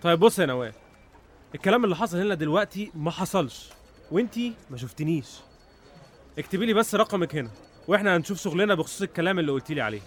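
Radio drama role: impatient Egyptian police investigator, very fast delivery, slightly high voice, sarcastic, intimidating. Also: male voice, expressive, a bit bright. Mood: commanding.

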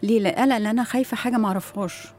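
An Egyptian woman speaks as an education expert on a talk show. Her voice is husky and mellow, and she talks very fast. She explains step by step and keeps asking rhetorical questions. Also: a little high, faint music behind. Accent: Egyptian Arabic. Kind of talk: explaining in an interview.

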